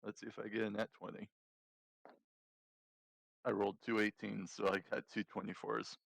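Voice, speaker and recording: Low, gravelly man playing a game. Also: level tone, moderate pace, a bit bright, no echo, low-quality recording. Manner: laughs through his lines, loose and playful. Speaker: player. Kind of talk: casual tabletop game chat.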